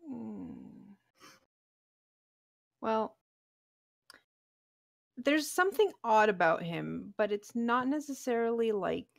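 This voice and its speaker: A woman acting as game master, narrating a tabletop game in a halting, conversational way. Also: a little high, very animated, vocal fry, no room sound.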